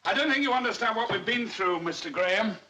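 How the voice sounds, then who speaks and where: A man's voice: sits high, lively intonation, quick pace, sharp tone, slight background noise, full character voice, low-quality recording. A man playing a domineering, suspicious middle-aged father with an imperious, interrogating manner in a 1950s film drama. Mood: guarded, suspicious. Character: domineering, suspicious, forceful British father and boss. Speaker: actor.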